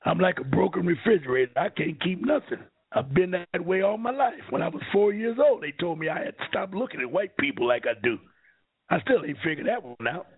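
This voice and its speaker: A man hosting a call-in radio talk show, fiery and preachy, swinging between shouting and low asides. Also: animated, a little fast, breathy edge. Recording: tinny phone-line radio sound.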